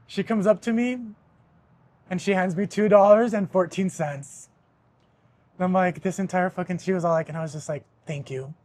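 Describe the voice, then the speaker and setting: A young man hosting a podcast, telling a story in casual chat, animated and swearing often, with laughs mixed in. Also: sits high, normal speed, no room sound. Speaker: podcast host.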